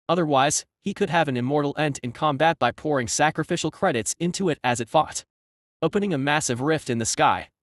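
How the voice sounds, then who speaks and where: A man reading a fantasy story recap as steady scripted narration. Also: a little high, no echo, clean studio sound.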